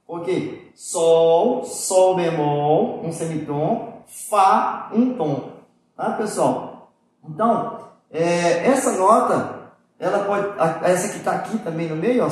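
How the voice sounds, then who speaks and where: A man's voice: sits high, a little hiss or hum. A man giving a recorded music theory lesson, explaining patiently and checking often that his students are following. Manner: patient, repetitive explaining with frequent "pessoal" and "tá?". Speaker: music teacher. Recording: very echoey room.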